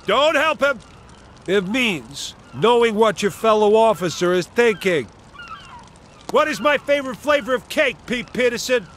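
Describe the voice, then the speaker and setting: A man's voice: sits high, lively intonation, unhurried, a bit bright, a little hiss or hum. An actor voicing a bossy, blustery male fire chief in a kids' cartoon, drilling a new recruit. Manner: blustery, commanding.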